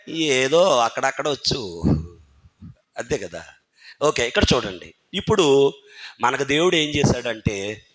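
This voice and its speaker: A man's voice: a little high, fairly bright tone. A man preaching a sermon in a church, firing rhetorical questions at the congregation and urging them to think carefully. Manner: keeps firing rhetorical questions at the congregation and calling on listeners by name. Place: church hall.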